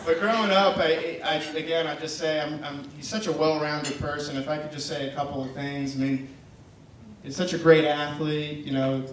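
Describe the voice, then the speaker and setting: Over a handheld PA mic in a big reception tent at night, a young man gives a jokey best man's speech that's halting, teasing and affectionate. His voice is fairly high with little pitch movement. A distant camera picks up the echoey PA amid noisy guests.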